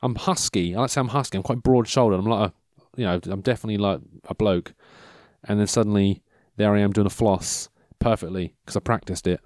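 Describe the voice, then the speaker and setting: Speaking a little quickly in a lowish, slightly mellow voice, a man in his mid-thirties drifts through casual, self-interrupting talk. He loses track of his point and jokes drily at his own expense, with no room sound behind him.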